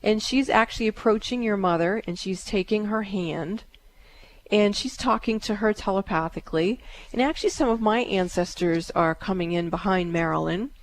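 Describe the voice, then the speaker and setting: A middle-aged woman, a psychic host on a call-in radio show. She speaks in a calm, soothing way and often pauses on fillers. Her pitch sits in an ordinary middle range. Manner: chants in a high drawn-out voice.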